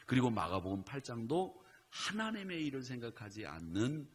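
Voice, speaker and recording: A man preaching a sermon as pastor, his husky, somewhat low voice rising and falling with lively emphasis. He acts out the quoted lines as he goes, and his voice carries a long reverb from the church hall. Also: moderate pace. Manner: animated preaching with acted Bible quotes.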